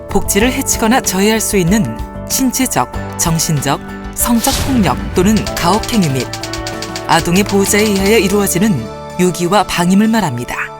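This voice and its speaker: A woman narrating with an even, informative tone. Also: mid-range voice, moderate pace, over music. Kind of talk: scripted narration.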